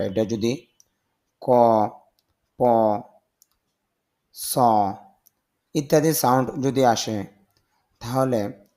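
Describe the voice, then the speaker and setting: A man, a Bengali speaker, teaches English words one at a time in a slow, unhurried rhythm. He says each word, gives its meaning and dwells on pronunciation. His pitch sits at an ordinary middle height. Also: mellow. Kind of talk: slow word-by-word vocabulary lesson.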